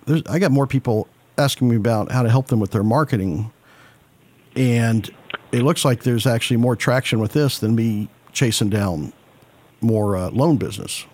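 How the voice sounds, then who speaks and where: A man's voice: medium pitch, moderate pace, a little mellow, slight background noise. A man hosting an interview, asking long rambling questions full of restarts. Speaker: podcast host. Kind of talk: casual interview talk.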